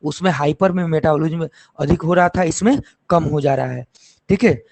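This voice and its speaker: A man's voice: a little high, moderate pace, gravelly, a little mellow, no echo. A man teaching a lesson, explaining step by step and asking and answering his own questions. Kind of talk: classroom lecture.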